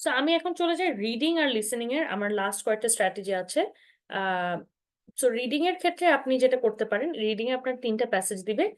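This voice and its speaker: Higher-voiced Bangladeshi woman instructor. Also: lively intonation, brisk. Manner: explanatory, checks in with 'হ্যাঁ?', mixes English terms into Bangla. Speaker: IELTS instructor. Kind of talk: online masterclass teaching.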